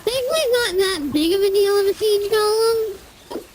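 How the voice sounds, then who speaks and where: A woman's voice: very high-pitched, measured pace, noisy background. A woman streamer chatting casually while gaming, with the hiccups. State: has the hiccups.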